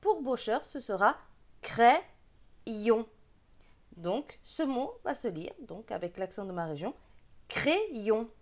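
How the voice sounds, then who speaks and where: A woman's voice: medium pitch, big pitch swings, normal speed, few pauses. A woman with a regional French accent teaching beginners to read, sounding out syllables and repeating each word patiently. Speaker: reading teacher. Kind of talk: slow reading lesson for beginners.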